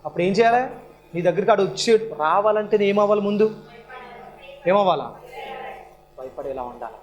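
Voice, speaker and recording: A high-voiced man delivers a sermon. He keeps throwing rhetorical questions at the congregation, lifting to loud emphatic peaks on key words and then sinking to low, quiet asides. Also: animated, moderate pace, highs cut off. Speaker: preacher.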